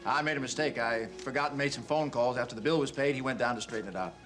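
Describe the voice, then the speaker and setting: A man's voice: mid-range voice, quick pace, over music, natural voice. An actor playing a young man leaving hospital, easygoing and amused. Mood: light.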